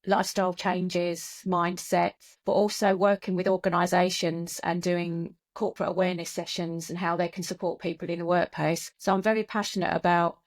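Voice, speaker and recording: Woman coach on a video call, low steady voice, pretty flat. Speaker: menopause coach, guest. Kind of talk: casual interview.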